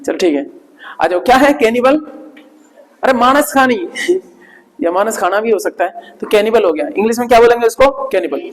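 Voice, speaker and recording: A man with a very high voice leads a classroom vocabulary lesson, teaching English words in Hindi at a moderate pace with long pauses. He drills pronunciation, asks students to repeat, jokes playfully and uses lots of tag questions, all captured in a low-quality recording with a long reverb tail.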